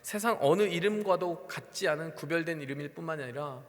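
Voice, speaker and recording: A man's voice: a little high, brisk. A male pastor preaching a sermon to young adults in a church, acting out quoted prayers with sighs and laughter. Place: church sanctuary. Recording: long hall reverb.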